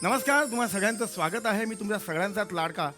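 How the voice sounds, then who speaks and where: An actor playing a bumbling, pompous compere in a stage comedy sketch, flustered and tripping over names. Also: male voice, high voice, fast talker, over loud music, close to an everyday voice. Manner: flustered, fumbles names and words. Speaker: comic compere character.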